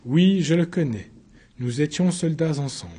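A man voicing a weary former soldier with a wooden leg who answers the court quietly. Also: breathy edge. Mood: calm. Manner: low, quiet, measured. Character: weary one-legged former soldier, calm.

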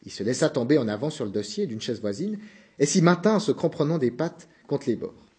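A man narrating a novel in a measured, subdued reading voice. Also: mid-range voice, lively intonation, mellow, slightly rough.

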